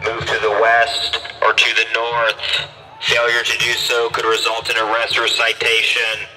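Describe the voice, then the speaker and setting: A man giving stern police dispersal orders in flat commands, blasted over a loud street loudspeaker outdoors. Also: mid-range voice, measured pace. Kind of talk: repeated official announcements. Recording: echoey loudspeaker heard from far off.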